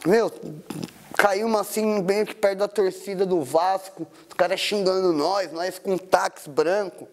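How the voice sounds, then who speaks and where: A man's voice: high-pitched, a little slow. A middle-aged man with a São Paulo accent tells a personal story in an interview, emotional and slangy, acting out quoted voices. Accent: São Paulo Portuguese. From Brazil. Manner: emotional, animated, slangy retelling with acted-out quotes.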